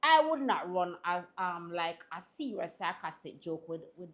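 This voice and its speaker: A woman with a Jamaican accent hosting a talk show, chatting and telling animated stories in patois. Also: fairly low pitch, normal speed. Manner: animated storytelling in patois, laughs often. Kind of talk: casual panel chat.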